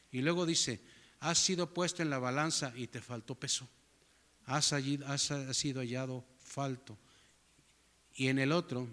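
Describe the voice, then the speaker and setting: Bright-voiced male pastor preaching in an echoing church. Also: on the high side. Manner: preaching with rhetorical questions to the congregation. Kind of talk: sermon. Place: church sanctuary.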